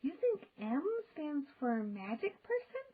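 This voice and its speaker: Woman voicing an excitable high-pitched little girl. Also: slow pace, phone-quality sound, exaggerated voice. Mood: eager, assured. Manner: eager, exclamatory. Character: excitable young girl, bold and matter-of-fact.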